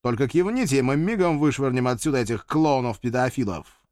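A man's voice: mid-range voice, lively intonation, fairly quick, darkish tone, no room sound, clean studio sound, lightly acted. A man doing a fawning, thuggish imp. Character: brash, swaggering male imps, street thugs.

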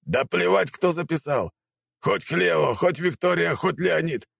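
A man voicing an excitable middle-aged male prefect who wheedles and fawns. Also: fairly high pitch, a little slow, creaky, no echo, pitched above the performer's own voice, exaggerated voice. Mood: blunt. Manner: wheedling, shouting, ingratiating.

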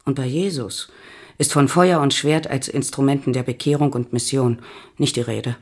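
A woman playing a woman disguised as a young male physician, calm and persuasive, in a radio play. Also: very deep voice, normal speed, husky, exaggerated voice. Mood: measured.

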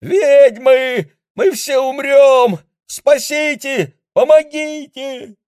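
A man voicing a cowardly young man who shrieks in frantic panic, in a very high, loud voice. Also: very slow, dry recording, studio quality, exaggerated voice. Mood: panicked.

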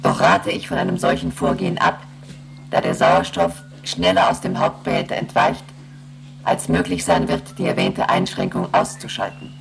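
Very deep, creaky, emotionless station computer Monda. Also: female voice, moderate pace, slight background noise, exaggerated voice, low-quality recording. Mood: impassive. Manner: monotone, formal, literal recitation. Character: emotionless moon station computer reciting emergency rules. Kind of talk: German radio play acting.

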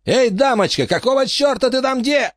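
A jumpy young bandit, shrill, screaming, dry read. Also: male voice, lively intonation, moderate pace, no room sound. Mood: panicked. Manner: hysterical yelling. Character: panicky young male bandit with a gun.

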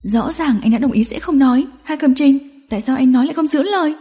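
A woman voicing a hysterical, spiteful young woman in an audiobook drama, shrill and mocking. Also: lively intonation, fairly quick, mellow, close to an everyday voice. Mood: screaming.

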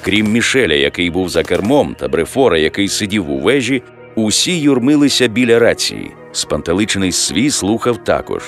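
Low-voiced expressive male audiobook narrator. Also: moderate pace, faint music behind. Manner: expressive reading, raising voice for dialogue.

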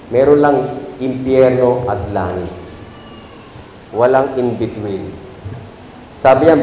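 A man preaching a sermon as pastor, reading Scripture slowly and emphatically and swinging between loud high exclamations and low quiet remarks. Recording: echoey hall with faint background noise.

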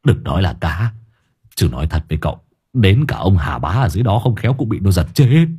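A man voicing a gruff, coarse henchman who grumbles and curses in a deep, dropped voice. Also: very animated, fairly quick, background noise.

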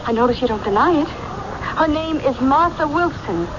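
High-voiced, suspicious, hurt wife. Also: female voice, lively intonation, moderate pace. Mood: sarcastic, accusing. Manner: emotional, accusing. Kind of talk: old-time radio drama acting. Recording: muffled, noisy old radio recording.

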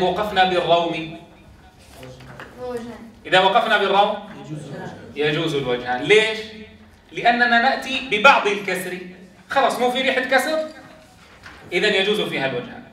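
Bright-voiced man teaching a class. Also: sits high. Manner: engaging, quizzes the class. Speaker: Quran teacher. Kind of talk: classroom lesson on tajweed rules. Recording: echoey classroom, voice from far off.

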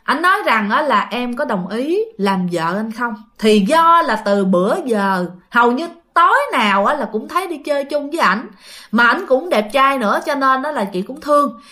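A woman with a Southern Vietnamese accent tells a ghost story as casual spoken storytelling, chatting and speaking straight to her listeners. Her high voice has lively intonation and a sharp tone, at normal speed.

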